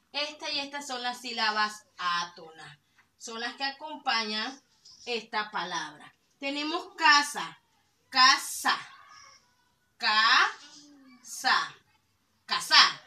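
A woman teacher giving a slow, clear lesson, repeating words to drill stressed syllables. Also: fairly high pitch, sharp tone.

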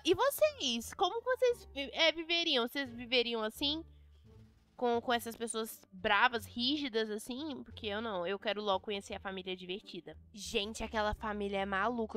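A woman with a Brazilian accent giving dramatic, excitable game role-play commentary, talking straight to her viewers. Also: fairly high pitch. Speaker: gaming video host.

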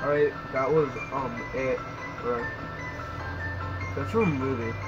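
A man's voice: medium pitch, steady tone, slow pace, muffled recording, over loud music. A young man in casual, teasing reaction chat, with some swearing. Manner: foul-mouthed, teasing. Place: small dim bedroom.

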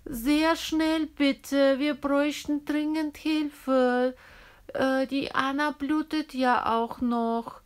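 A woman plays a gentle, chatty kindergarten teacher in a toy-figure children's story. She sounds a bit flustered and speaks slowly. The voice sits high. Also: steady tone. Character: kindly female kindergarten teacher.

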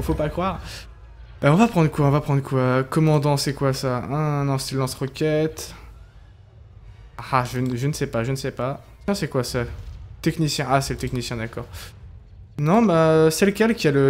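A young man chatting excitedly and casually while commenting on his gameplay. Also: a little high. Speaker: gaming youtuber. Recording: voice over game music.

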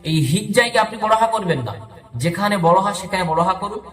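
A man with a fairly high voice teaches tajweed in a roomy, echoing space. He chants each phrase slowly and deliberately, then switches to brisk spoken explanation. He speaks with a Bangladeshi Bengali accent. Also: fairly bright tone. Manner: drawn-out slow recitation alternating with quick explanation. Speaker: Quran recitation teacher. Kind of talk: tajweed lesson with slow demonstrations.

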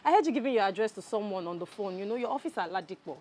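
A woman's voice: mid-range voice, lively intonation, racing, a little mellow, a little hiss or hum, natural voice. An actress with a Nigerian accent playing a sweet, eager girlfriend coaxing her partner, in a drama series.

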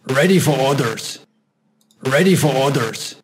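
A man voicing a huge male android combat unit in a game, his voice disguised deeper and run through a processed android filter. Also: animated, noisy background. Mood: clipped. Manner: disguised deeper voice, slow clipped orders.

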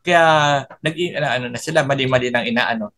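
A man's voice: medium pitch, quick pace, bright, forceful tone. An older man, a Spanish professor, explaining words patiently in a casual chat. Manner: explains patiently and repeats points.

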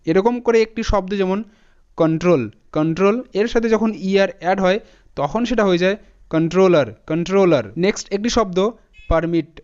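Guy teaching spelling, high smooth voice, spells each word out slow and steady, kinda dull lo-fi sound. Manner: steady, spells words out letter by letter. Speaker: English teacher. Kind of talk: spelling lesson explanation. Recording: dull lo-fi audio.

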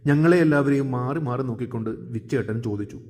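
A man narrating a scripted first-person story in a steady, earnest way. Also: mid-range voice, fast. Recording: long hall reverb.

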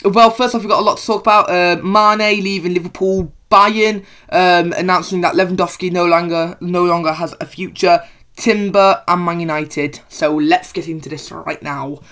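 A man's voice: sits high, steady tone, normal speed, bright, forceful tone. A man co-hosting a casual football podcast. He rambles, with many fillers and restarts. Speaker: podcast co-host.

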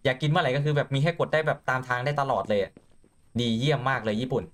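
A young man giving excitable let's play commentary on a horror game. He gets jumpy and stammers, repeating words when startled. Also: mid-range voice, very fast. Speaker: gaming YouTuber.

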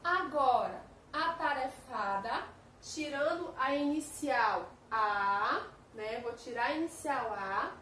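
A woman with a Brazilian Portuguese accent teaching a first-grade lesson, slowly sounding out syllables for young children. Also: high-pitched, lively intonation, sharp tone. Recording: echoey room with faint ambient noise.

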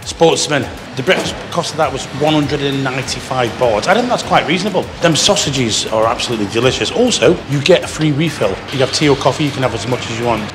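This walking tour vlogger, a man in his fifties, talks fast in an animated mid-range voice and hardly pauses at all. He chats casually while pointing out shops and bars along a busy city street, filming on a handheld or worn action camera. Music plays under the street noise.

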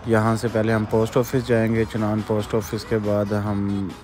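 A man's voice: fairly low pitch, moderate pace, over music. Man vlogging from a car. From Pakistan. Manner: relaxed, polite, describing the road as he drives. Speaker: travel vlogger. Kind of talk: casual travel vlog narration. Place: in a car on a highway.

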